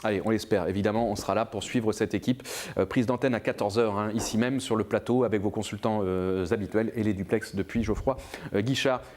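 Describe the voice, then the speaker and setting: A man hosting a TV football talk show in the studio, presenting the segments in a brisk, upbeat way. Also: on the low side, steady tone, a little mellow. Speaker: host. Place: TV studio set.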